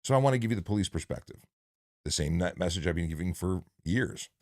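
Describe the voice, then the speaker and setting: A man's voice: low-pitched, animated, fast talker, no echo, clean studio sound. A man, a former traffic cop hosting a casual live question-and-answer stream, chatty and jokey. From Canada. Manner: chatty, jokey, filler-heavy. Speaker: livestream host, former traffic police officer.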